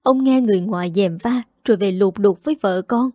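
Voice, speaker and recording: A woman's voice: mid-range voice, brisk, dark tone, no echo, studio quality, lightly acted. A woman voicing a jealous wife in her fifties who complains plaintively, read in a storybook.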